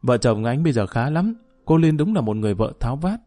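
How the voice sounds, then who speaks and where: A man voicing a gaunt, steadfast husband back from prison camp, who speaks calmly and gravely. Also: mid-range voice, fast, soft background music, close to an everyday voice. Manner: calm, grave.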